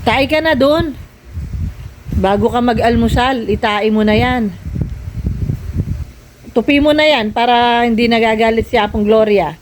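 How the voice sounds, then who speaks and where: A woman's voice: on the high side, measured pace, pauses often, a little hiss or hum, low-quality recording. An older woman vlogging at home, nagging and scolding a younger relative in casual talk. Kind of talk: casual family vlog, scolding.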